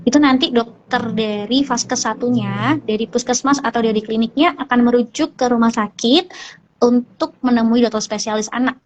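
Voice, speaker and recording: Lady therapist explaining kids talking stuff, kinda high voice, muffled lo-fi audio. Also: normal speed, slight background noise. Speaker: speech therapist guest. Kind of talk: explaining on a hospital talk show.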